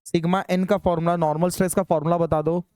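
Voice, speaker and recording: A man teaching engineering in a classroom, dictating formulas slowly and urging students to hurry. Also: a little high, flat delivery, darkish tone, clean tone, dry recording, studio quality. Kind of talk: classroom lecture solving problems.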